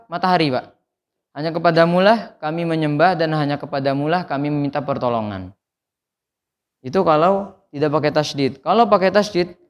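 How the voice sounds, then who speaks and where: A man teaching Quran recitation in a mosque, correcting students with jokes and demonstrating each verse slowly. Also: fairly high pitch, clear, resonant tone. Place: mosque hall. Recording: long hall reverb.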